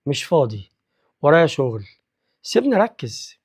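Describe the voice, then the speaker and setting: A man's voice: on the high side, very animated, normal speed, husky. A man with an Egyptian accent voicing a busy, short-tempered middle-aged father who talks in curt, irritable bursts. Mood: irritated.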